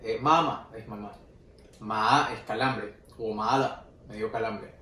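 Relaxed young man in a roomy space. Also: fairly low pitch, measured pace. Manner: relaxed, explains patiently with examples. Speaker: musician guest. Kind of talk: casual interview chat. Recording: roomy, distant mic with faint noise.

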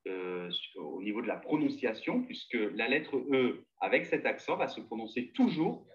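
Lively-pitched male French instructor. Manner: measured, explains carefully with fillers. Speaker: French instructor in a played video lesson. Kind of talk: explanatory French lesson dialogue. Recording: dull lo-fi audio played over a call.

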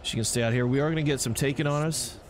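Talking very fast in a mid-range voice, a man gives casual let's play commentary with joking asides aimed at the game's characters. Video game music and action sounds fill the background.

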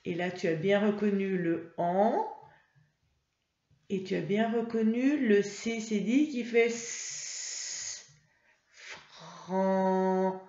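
A woman teaching a first-grade reading lesson, patient and encouraging, spelling out letters slowly for young pupils. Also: medium pitch, mellow. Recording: roomy, slightly dull home recording.

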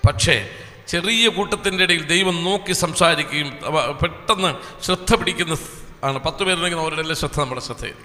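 Bright-voiced man testifying in a hall. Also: fairly high pitch. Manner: earnest storytelling with long pauses. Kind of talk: personal testimony at a church service. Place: small church hall. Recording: echoey hall reverb.

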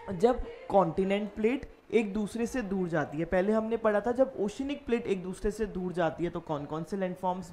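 Lady teacher doing an online class, mid pitch, asks then answers her own questions, bit of faint hiss behind. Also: darkish tone. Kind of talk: online lecture walking through slides.

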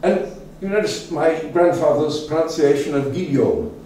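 Echo fills the meeting room where an older man addresses a local society, his voice slightly high and dark, with big pitch swings and an unhurried pace. His informal talk is chatty and meandering, full of fillers and restarts, captured by a distant mic alongside faint room noise.

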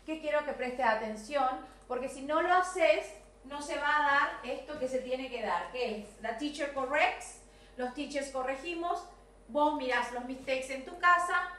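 A high, bright-voiced Argentine woman teaches English to small children, slowing down to drill phrases and sometimes singing. She sounds far from the mic in a very echoey room with faint noise behind her. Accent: Argentine Spanish. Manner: sings songs, drills sentences slowly for children. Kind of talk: online video class.

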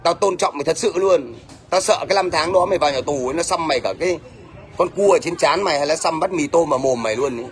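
With a slightly high voice and a fast pace, a middle-aged man with a Northern Vietnamese accent rants at a livestream commenter. His tone is blunt and scolding, and "thấy chưa?" comes up often, against faint background noise.

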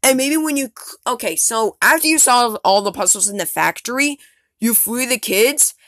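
A woman hosting a gaming channel, talking casually through her theories in a rambling, excitable way, full of "like" and "um", recorded on a phone screen recorder. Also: on the high side, moderate pace, no echo, studio quality. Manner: rambling, filler-heavy, excitable, trails off. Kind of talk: casual theory talk over gameplay.

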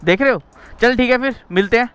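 A man's voice: very high-pitched, fast talker, fairly bright tone. A young man hosting a casual vlog, chatting and teasing, talking straight to his viewers. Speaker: vlogger.

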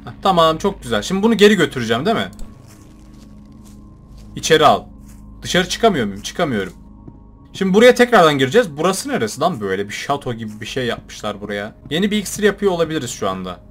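A young man commentating his own gameplay, joking and shouting at the game characters. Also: on the high side, sing-song, fast, soft background music. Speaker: gaming YouTuber. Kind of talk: let's play commentary.

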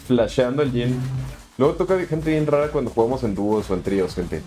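A man's voice: mid-range voice, expressive, brisk, dark tone, soft background music. A young man with a Mexican accent, casually commenting on his game live and answering chat in slangy, chatty talk. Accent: Mexican Spanish. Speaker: streamer.

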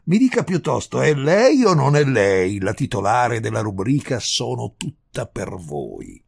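Un uomo che fa il visitatore ostinato. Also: male voice, medium pitch, wildly swooping pitch, a little slow, gravelly, husky, no echo, studio quality, full character voice. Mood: insistente. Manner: insistent, triumphant, loud. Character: stubborn calm male visitor, insistent.

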